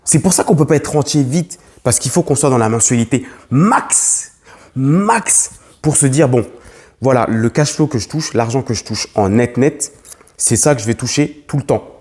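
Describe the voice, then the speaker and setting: A man's voice: medium pitch, a little mellow. Young man, investor vlogger, emphatic, repeats himself, restarts, fillers. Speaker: real estate investor vlogger. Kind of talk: talking to camera as a lesson.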